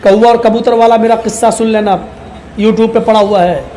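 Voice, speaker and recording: A male preacher tells comic stories in his sermon with a very high voice. He speaks in an animated way and climbs into shouting, with faint ambient noise in the background. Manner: animated storytelling, rising to shouts.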